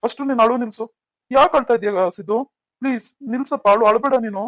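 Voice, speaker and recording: A man's voice: very high-pitched, fast talker, a bit bright, no echo. A man voicing a caring young elder brother who consoles and questions his sibling in a cartoon story. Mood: worried. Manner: concerned, soothing.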